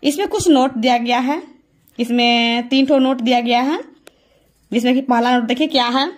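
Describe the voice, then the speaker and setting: A woman teaching English grammar, repeating each rule as a question and answering it herself. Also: fairly high pitch. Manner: repeats key points as questions to students; slow and deliberate, drawing out rule statements. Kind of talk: classroom lesson explaining verb forms.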